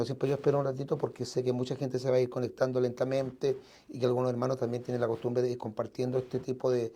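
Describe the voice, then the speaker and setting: A man's voice: mid-range voice, mellow. A man with a Chilean accent, an evangelical pastor speaking earnestly and conversationally to his listeners from a radio studio, often repeating and restarting his words. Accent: Chilean Spanish. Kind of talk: casual live broadcast talk to listeners.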